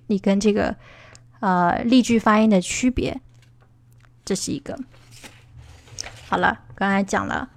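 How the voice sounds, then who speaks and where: A woman's voice: fairly high pitch, no room sound. Lady teacher on a livestream, chatty and emphatic, dry close sound. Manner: chatty, answers viewer questions in a lively, emphatic way. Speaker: English speaking teacher.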